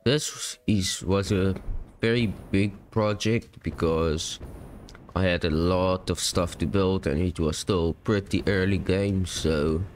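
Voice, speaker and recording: A man casually touring his game world, relaxed and unsure, often correcting himself. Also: sits low, slow pace, slight background noise. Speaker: gaming YouTuber.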